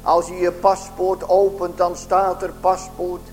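A male pastor preaching a slow, solemn sermon to his congregation, pleading and building to fervent exhortation. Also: high voice, completely flat delivery, a little mellow, faint music behind, rough recording.

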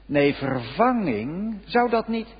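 Casting: male preacher, high husky voice, solemn sermon with loud and hushed turns. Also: sing-song, takes it slowly. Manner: solemn preaching, swinging between loud exclamations and hushed low passages. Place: church. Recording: dull lo-fi recording in a reverberant church.

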